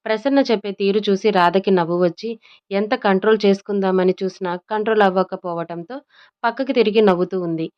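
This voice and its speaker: ఒక మహిళ తెలుగు ఆడియో కథను అన్ని పాత్రలను చేసుకుంటూ చదువుతోంది. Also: female voice, medium pitch, brisk, muffled recording. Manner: smooth even storytelling, acting out all characters. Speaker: storyteller. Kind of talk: scripted audio story narration.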